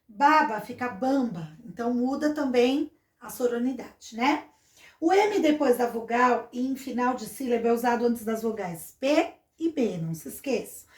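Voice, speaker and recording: A woman's voice: high voice, echoey room. A woman with a Brazilian Portuguese accent, teaching a recorded schoolbook lesson and patiently explaining each exercise step by step to her pupils.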